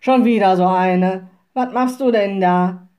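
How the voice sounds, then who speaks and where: Woman doing a gruff, blustering forest ranger. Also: medium pitch, a little slow, mellow, close to an everyday voice. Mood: angry gruff. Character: gruff, short-tempered male forest ranger.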